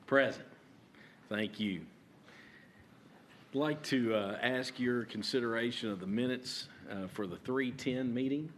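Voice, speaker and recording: A man chairing a county court meeting as judge, halting with many fillers and restarts. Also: medium pitch, fairly bright tone, slight background noise.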